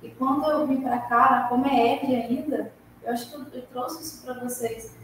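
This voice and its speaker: A woman's voice: on the high side, fairly even intonation, normal speed. Earnest woman speaking in an echoing hall. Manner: earnest, recounts personal experience. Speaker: class participant. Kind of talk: spiritist study class talk. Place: spiritist center hall. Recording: echoey room from far off, faint hiss.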